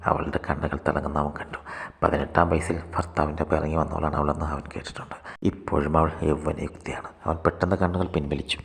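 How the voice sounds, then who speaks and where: A man narrating a short story aloud in a steady read-aloud manner. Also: rumbling low, vocal fry. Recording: long hall reverb.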